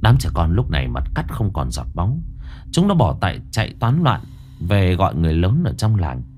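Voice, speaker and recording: A man narrating a ghost story in an expressive, dramatic storytelling manner. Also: low-pitched, a little fast.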